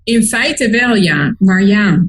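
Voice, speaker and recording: Woman reading example lines in a language class, kinda husky. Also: medium pitch, lively intonation, drawn-out words, poor audio. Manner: reads example sentences, adds short explanations. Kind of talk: online language lesson.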